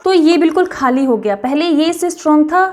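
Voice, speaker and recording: A young woman teaching a language lesson, repeating each word slowly for practice. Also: sits high, lively intonation, a little mellow. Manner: slow, repeats words for practice.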